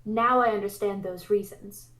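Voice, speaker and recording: A woman's voice: medium pitch, fairly even intonation, normal speed, a bit bright, close to an everyday voice. A woman voicing an earnest, indignant young princess heroine in a dramatic visual novel read-aloud. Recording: roomy, echoey sound.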